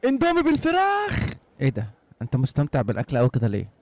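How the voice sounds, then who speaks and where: A man's voice: medium pitch, racing, vocal fry, mellow, no room sound. A man with an Egyptian Arabic accent giving jokey, playful commentary for a food vlog, slipping into mock-formal asides. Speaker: vlogger.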